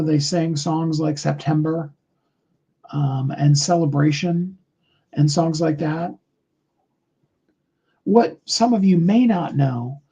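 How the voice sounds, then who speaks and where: Over a live call, a middle-aged man delivers an earnest, meandering motivational speech thick with fillers. His high tenor has a warm tone with a slight roughness.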